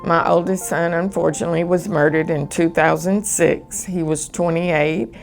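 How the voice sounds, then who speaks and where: A woman's voice: fairly low pitch, steady tone, normal speed, vocal fry, soft background music, low-quality recording. A woman in her sixties, speaking plainly and directly in a documentary interview. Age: 60s.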